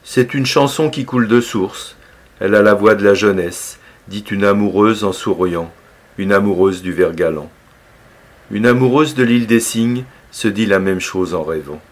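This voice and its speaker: A man with a fairly low voice recites a long poem. His delivery is expressive and lilting, lifting and dropping his emphasis with each line in a measured recitation.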